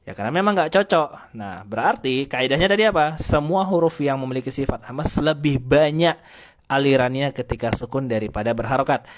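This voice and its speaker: A man teaching Quran recitation, sounding out Arabic letters and asking his students questions. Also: medium pitch. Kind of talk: tajwid lesson. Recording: faint noise with clicks.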